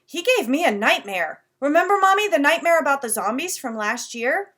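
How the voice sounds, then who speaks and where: A woman's voice: big pitch swings, normal speed, pushed and bright, exaggerated voice. A woman voicing a whiny second-grade boy in a storybook reading. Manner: high-pitched, whining.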